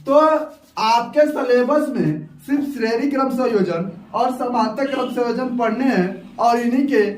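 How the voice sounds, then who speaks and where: Man, very high voice, patient step-by-step teacher, distant mic, roomy echo. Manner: explains step by step, repeats key terms. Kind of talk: whiteboard science lesson. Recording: echoey room, off-mic.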